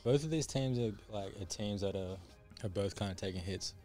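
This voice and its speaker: A man's voice: lowish voice, a little fast, warm tone, faint music behind. A man on a casual basketball podcast, giving hesitant analysis full of fillers. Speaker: podcast co-host.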